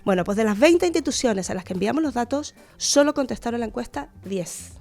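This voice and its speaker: A woman's voice: fairly high pitch, animated, a little fast, darkish tone, faint music behind. A woman from Chile with a Chilean accent, a guest researcher on a radio interview, speaking thoughtfully with fillers and restarts.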